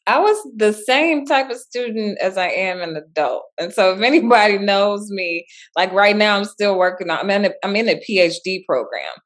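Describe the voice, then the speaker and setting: She's a principal in her thirties or forties, originally from the South Side of Chicago, chatting happily through a casual interview. Her mid-range voice is expressive, and she talks at a normal speed with few pauses, breaking into laughter easily.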